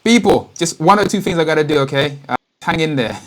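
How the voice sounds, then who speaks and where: A man's voice: a little high, lively intonation, brisk, a bit bright. A man hosting a casual livestream, chatty and exasperated as he sorts out technical problems with a remote guest. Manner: chatty, exasperated by tech trouble. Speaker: livestream host.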